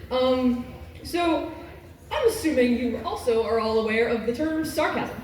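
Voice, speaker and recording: A woman's voice: high-pitched, unhurried, darkish tone. A young woman, a college student, chatting and giggling on stage as she shows off her voices, heard in an echoey hall from far off. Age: young adult. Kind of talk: live on-stage voice act.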